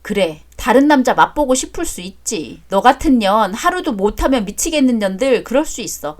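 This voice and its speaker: A woman acts out an angry confrontation in a radio drama, her voice high and lively. She speaks in a sharp, scolding manner. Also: moderate pace. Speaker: narrator and voice actor.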